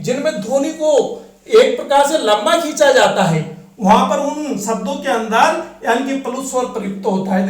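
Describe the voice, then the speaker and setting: A man teaching a classroom grammar lesson, dictating slowly with long drawn-out pauses as he writes on a board. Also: extremely high pitch, distant mic. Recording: echoey room, voice off-mic.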